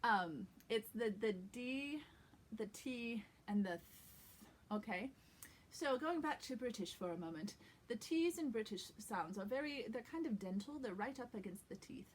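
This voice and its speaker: A woman's voice: on the high side, expressive, normal speed, a little hiss or hum, low-quality recording. A woman giving a casual accent lesson as an acting coach, chatting and demonstrating vowel and consonant sounds aloud.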